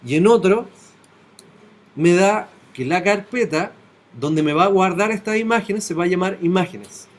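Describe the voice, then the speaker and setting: A man's voice: high-pitched, expressive, normal speed. A man teaching web design in a classroom. He walks through each step and keeps checking that his students follow. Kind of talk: classroom software tutorial.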